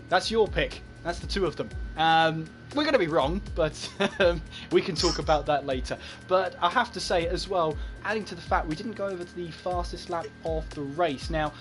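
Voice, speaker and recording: A man hosting esports race commentary, talking in a chatty, breathless way with frequent fillers. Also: on the high side. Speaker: lead commentator and host.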